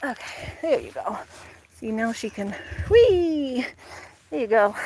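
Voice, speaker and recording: Doing chores outside, a young farm vlogger talks easily to her camera, often laughing and cooing over the animals. She speaks slowly with a fairly high voice and wide pitch swings, against a noisy background.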